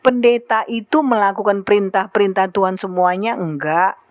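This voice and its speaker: Woman preaching an animated sermon. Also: medium pitch, moderate pace, no echo. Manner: animated preaching, acting out quoted prayers and remarks.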